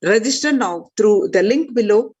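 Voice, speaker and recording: A woman presenter giving a scripted announcement and then leading a guided meditation in a slow, measured, reverent way. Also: mid-range voice, lively intonation, darkish tone, breathy edge, highs cut off.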